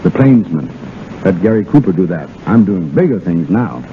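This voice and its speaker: An American man, a dance director, appears as a guest on 1930s radio, trading scripted banter in a wisecracking, colloquial way. His low voice swings widely in pitch at a moderate pace. The narrow-band 1930s radio audio is faintly noisy.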